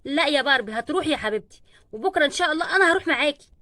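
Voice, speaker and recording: A woman with an Egyptian Arabic accent voicing a worried mother who coaxes her daughter and gently scolds her. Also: high voice, expressive, very fast, no room sound. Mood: worried, firm. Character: worried, coaxing mother of a schoolgirl.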